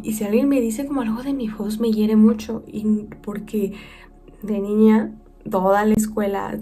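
A young woman with a Mexican accent hosting a casual self-care podcast, talking like a chatty friend who acts out quoted voices. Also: medium pitch. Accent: Mexican Spanish. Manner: chatty, warm-hearted advice with playful quoted voices. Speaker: podcast host.

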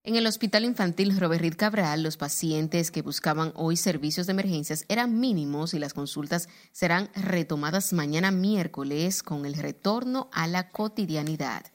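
Casting: low-pitched woman, formal news anchor. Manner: measured, formal newsreading. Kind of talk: scripted news reading.

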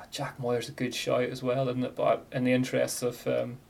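Male co-host for a relaxed sports discussion podcast; gravelly, with noticeable vocal fry. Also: medium pitch, normal speed.

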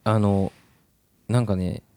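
A man with a Kansai accent hosting a relaxed music-industry chat, talking at length with many fillers. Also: on the low side, slow pace, clear, resonant tone. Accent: Kansai Japanese. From Japan. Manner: animated, recalls his past at length, many fillers. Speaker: musician and podcast host. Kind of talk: casual conversation.

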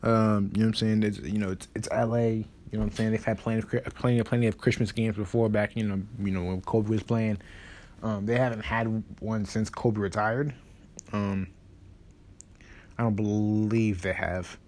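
A man hosting a casual basketball podcast, rambling with lots of fillers and restarts, and quick in delivery. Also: fairly low pitch, level tone, darkish tone, slight background noise. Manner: talks fast, says so himself. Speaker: podcast host. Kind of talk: casual sports podcast talk.

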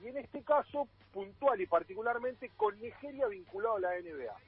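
A man's voice: extremely high pitch, very animated, brisk, husky. A man with an Argentine accent, a radio sports columnist explaining things in a panel talk, with many fillers and restarts. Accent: Argentine Spanish. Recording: muffled, phone-like line.

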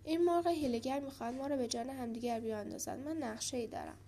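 A small, fearless fish who answers with scorn and urgency, as a woman reading the storybook voices it. Her voice is pitched high and raised. This is storybook character reading. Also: big pitch swings, creaky, dark tone, a little hiss or hum, full character voice. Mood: defiant.

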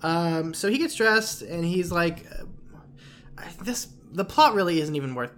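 A laid-back man talking through a movie plot with his co-host, loose and slangy, and ready to push back when he disagrees. His voice has a bright, forceful edge. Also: on the high side, expressive, unhurried, slight background noise. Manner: laid-back, uses slang, argues points. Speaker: podcast co-host. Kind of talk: casual movie recap chat.

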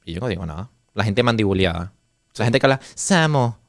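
A man's voice: on the low side, fast, no echo, clean studio sound. A man appearing as a guest, arguing his points earnestly in a casual discussion with some teasing.

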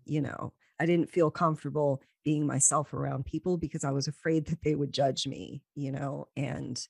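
A woman in her forties with a very low voice talks haltingly in a casual chat, often pausing to search for words. The sound is dry and close, with no room echo. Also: fairly even intonation, creaky, darkish tone, breathy edge. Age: 40s.

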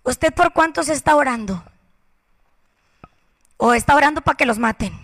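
A woman preaching a passionate sermon, swinging from loud exhortation to hushed whispers. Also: high voice, expressive, normal speed. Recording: reverberant hall.

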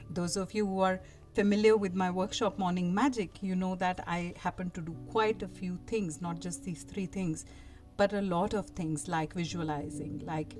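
Lower-voiced woman coach over music. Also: a little mellow. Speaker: wellness coach and workshop leader. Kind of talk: motivational talk leading into guided meditation.

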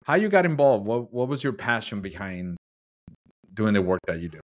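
Low-voiced, earnest male host. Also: very animated, normal speed. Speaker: podcast host. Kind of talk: conversational interview.

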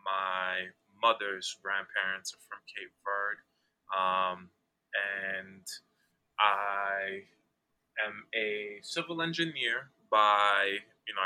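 Young man with a bright, forceful voice. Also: on the low side, fairly even intonation, slow pace, low-quality recording. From Angola. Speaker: podcast guest, restaurateur. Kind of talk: casual interview talk.

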